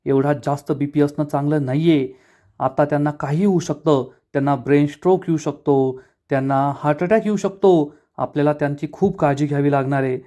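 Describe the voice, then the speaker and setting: A man's voice: fairly high pitch, steady tone, dark tone, lightly acted. A man voicing a serious middle-aged doctor giving grim news in a retold drama. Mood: grave. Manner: serious, measured, quick explanation. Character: grave, calm middle-aged male doctor.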